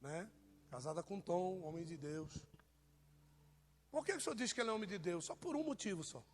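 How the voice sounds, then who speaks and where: A man's voice: high-pitched, expressive, normal speed, darkish tone. A man with a Brazilian accent, preaching an informal sermon and joking with members of his congregation. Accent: Brazilian Portuguese. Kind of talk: informal sermon to a live church.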